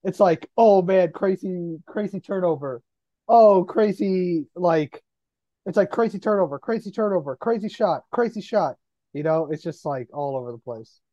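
A man's voice: high-pitched, expressive, normal speed, mellow, dry recording, lo-fi sound. A man co-hosting a sports podcast in casual chat, laid-back and reacting to live games. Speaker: podcast co-host.

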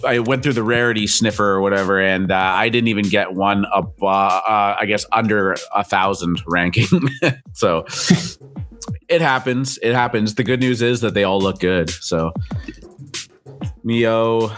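A man's voice: fairly low pitch, unhurried, fairly bright tone, faint music behind. A man in his thirties hosting a casual live morning show, chatty, laughing easily and greeting listeners by name. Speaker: host.

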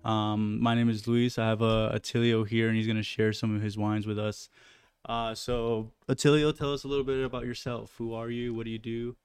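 A male podcast host with a flat, even delivery. He asks brief questions and keeps his replies short in a casual interview. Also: medium pitch, brisk, clear, resonant tone, no room sound.

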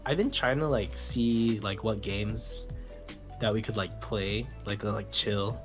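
A man's voice: on the low side, a little slow, faint music behind. A young man hosting a casual podcast with friends, laid-back and joking. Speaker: podcast host. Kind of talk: casual chat among friends.

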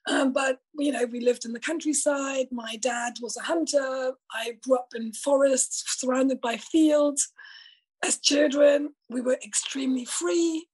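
A woman's voice: high voice, fairly even intonation, a little slow, a little mellow, breathy edge, rough recording. A woman from East Germany, a middle-aged health and life coach, telling her story in a reflective, thoughtful way during an interview. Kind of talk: casual conversational interview.

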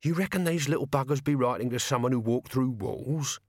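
A man's voice: mid-range voice, a little fast, a little mellow, no room sound, clean studio sound, close to an everyday voice. A man voicing a crabby, coarse old male servant with blunt, slangy talk. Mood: coaching.

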